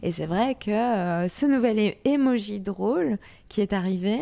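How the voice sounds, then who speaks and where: Female podcast co-host, medium pitch, casual and chatty news talk. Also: expressive, moderate pace, creaky, mellow. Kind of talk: casual chat about marketing news.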